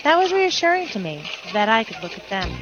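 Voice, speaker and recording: A satisfied female customer in a radio testimonial. Her medium-pitched voice is a touch muffled, with music clearly underneath. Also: sing-song, a little fast. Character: satisfied female home buyer.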